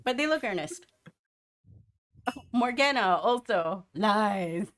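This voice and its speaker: A woman running a tabletop game, narrating the scene in a relaxed, hesitant way with frequent fillers. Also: lowish voice, slow. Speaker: game master.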